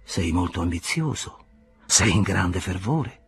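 A man reading aloud voices a mocking young foreign woman with a slightly veiled, pleasantly hoarse voice, in a storybook reading. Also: sits low, animated, measured pace, heavily acted. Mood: teasing. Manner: mocking, playful.

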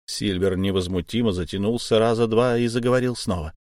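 A man reading an adventure story aloud in the first person, telling it in a measured, tense way. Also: on the low side, a little mellow, dry recording, studio quality. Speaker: audiobook narrator.

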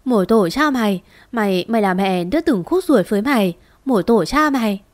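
A rough-tongued country mother cusses and scolds between sobs, as a woman reads her. The recording is dry and close. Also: medium pitch, lively intonation, normal speed, no room sound, close to an everyday voice. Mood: sobbing scold. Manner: sobbing, scolding through tears.

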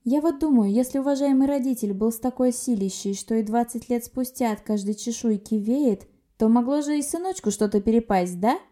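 A woman voicing a sharp-tongued, quick-tempered young sorceress who talks brusquely and scolds. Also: a little high, natural voice.

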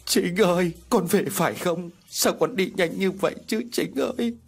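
A man's voice: moderate pace, slightly rough, faint music behind. A man voicing a grieving mother who wails for her dead son in a spoken ghost story. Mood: grief-stricken. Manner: high wailing cries.

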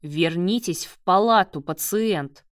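A woman's voice: on the low side, slow, no room sound, studio quality, far from the mic. Woman voicing a furious male surgeon. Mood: snapping. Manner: shouting, scolding. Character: angry male surgeon, head of hospital.

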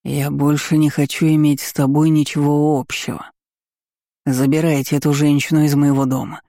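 A woman voicing a pompous, drunken middle-aged baron who speaks slowly and scornfully. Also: sits low, little pitch movement, warm tone, no echo, studio quality. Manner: slow, scornful, clipped.

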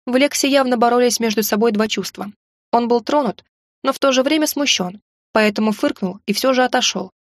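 Expressive woman narrating an audiobook. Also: a little high, brisk, no echo, clean studio sound. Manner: expressive, emotional storytelling. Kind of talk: first-person audiobook narration.

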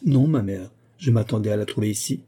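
Narrator doing a worried young guy dodging questions, deep dark husky voice. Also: brisk. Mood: earnest. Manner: evasive, earnest replies. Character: worried secretive young man.

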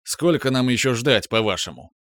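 A man's voice: medium pitch, lively intonation, moderate pace, a bit bright, no room sound, clean studio sound, lightly acted. A man voicing a jovial institute director who speaks with theatrical pomposity. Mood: prodding.

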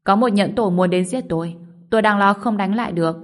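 A man's voice: sits high, a little fast, a bit bright. A woman reading the lines of a confident, blunt young male cultivator in an audiobook. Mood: matter-of-fact. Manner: blunt, matter-of-fact.

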